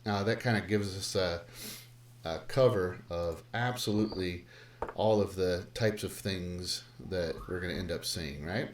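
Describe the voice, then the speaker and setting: A man's voice: deep voice, a little slow. Chatty male math teacher, roomy stream. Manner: chatty, playful, lots of fillers and asides. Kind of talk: casual live-streamed lesson. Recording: roomy live stream with faint noise.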